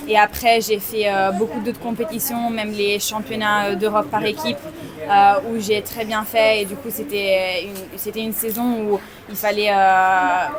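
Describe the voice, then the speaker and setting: A young woman athlete with a slight Italian accent, a native Italian speaker, pauses and searches for words as she talks after her race. Her voice sits at an ordinary pitch for a woman. A loud crowd fills the stadium behind her. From Italy. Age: 20s. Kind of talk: post-race interview. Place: outdoors at a stadium.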